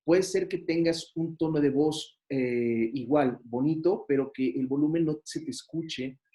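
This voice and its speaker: A Mexican-accented man gives a university lecture in a loose, conversational way. His voice sits a little high for a man. He leans on fillers and keeps checking in with rhetorical questions. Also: measured pace, warm tone. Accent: Mexican Spanish. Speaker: university teacher. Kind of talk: online class lecture.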